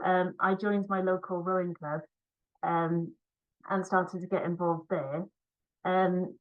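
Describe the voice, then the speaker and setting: A Cardiff woman with a slight Welsh accent, a physiotherapist and para rower, gives a conference talk online over a video call. Her voice sits on the low side, and she speaks conversationally with frequent ums. The audio is dull.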